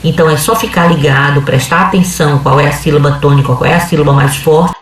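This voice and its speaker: A woman's voice: low voice, steady tone, quick pace. A woman teacher, giving a video lesson and explaining patiently step by step with frequent checks. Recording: echoey room, voice from a distance.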